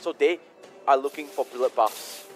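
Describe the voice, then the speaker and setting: A man's voice: mid-range voice, moderate pace, soft background music. A man casting a mobile esports match in chatty, storytelling commentary. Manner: chatty, storytelling, laughs often. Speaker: esports caster.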